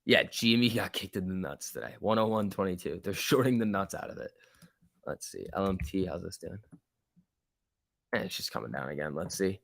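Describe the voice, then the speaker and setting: Bright-voiced man hosting a trading livestream. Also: low voice, expressive, a little fast, creaky, dry recording. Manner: slangy, informal, chummy address to viewers. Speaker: stock trading livestream host. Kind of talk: casual off-the-cuff live market commentary, reading and answering chat.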